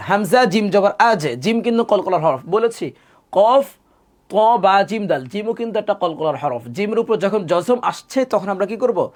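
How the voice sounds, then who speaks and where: A man with a Bangladeshi Bengali accent teaching a live online Quran recitation class. He drills letter sounds slowly and reads out student comments. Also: sits high.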